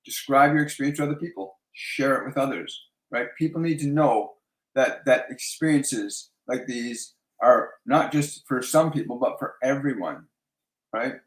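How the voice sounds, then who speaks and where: A man with a medium-pitched voice hosts a live-stream Q&A as a spiritual medium. He gives slow, soothing guided instructions, repeating each one twice. The recording has a roomy echo.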